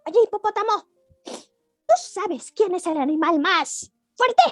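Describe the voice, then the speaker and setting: A tiny cheeky rabbit brags in a very high, squeaky storybook voice that leaps all over the place, as a woman storyteller puts him on. The sound is close and dry. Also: expressive, slow pace, fairly bright tone, no echo, faint music behind, heavily acted. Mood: cheeky, boastful. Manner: squeaky, bouncy, bragging storybook voice. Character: tiny bold boastful male rabbit, cheeky.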